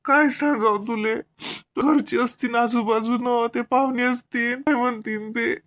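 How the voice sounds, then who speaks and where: A voice actor playing a heartbroken young husband in an animated comedy, whiny and tearful, with a Varhadi Marathi accent. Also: male voice, very high-pitched, a little slow.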